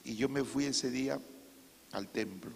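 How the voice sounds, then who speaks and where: Gravelly Peruvian pastor preaching in a hall. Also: male voice, mid-range voice, measured pace. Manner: emotional preaching, swings from hushed to shouting. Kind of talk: testimony sermon to teenagers. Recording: reverberant hall with faint music. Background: faint instrumental music.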